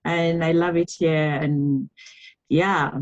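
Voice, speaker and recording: Low-voiced Cameroonian-born woman storyteller. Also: fairly even intonation, takes it slowly, dull audio. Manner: reflective storytelling with frequent laughs and fillers. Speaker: guest author. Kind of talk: podcast interview.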